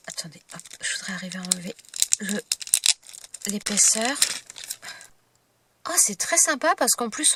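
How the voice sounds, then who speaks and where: A woman's voice: fairly high pitch, fairly bright tone, far from the mic, a little hiss or hum. A woman vlogger chatting casually while unboxing gifts. She gushes and uses many fillers, and she talks through a stuffy nose. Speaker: craft vlogger.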